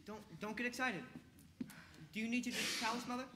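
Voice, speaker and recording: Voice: medium pitch, steady tone, fast, natural voice. An actor playing a surly, lazy young heir on stage, defiant and grumbling. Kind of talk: amateur stage acting. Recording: echoey stage recording with faint hiss.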